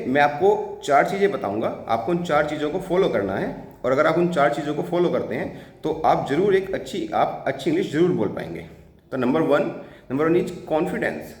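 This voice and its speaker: Hindi-speaking man teaching English, slightly high voice. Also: darkish tone, reverberant. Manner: mixes Hindi and English, slows down for English phrases. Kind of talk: casual spoken lesson.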